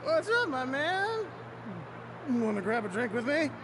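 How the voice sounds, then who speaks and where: A man's voice: very high voice, big pitch swings, a little slow, heavily acted. An actor playing a drunk, jovial man who rambles and slurs his words in a video game. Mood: tipsy, teasing. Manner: slurred, rambling, laughing. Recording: game audio with crowd noise.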